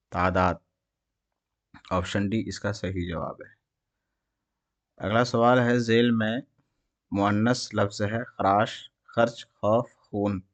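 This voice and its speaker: A man's voice: on the low side, dry recording. A man with an Indian Urdu accent, teaching an exam prep lesson. He reads each question and its options aloud, then explains the answer.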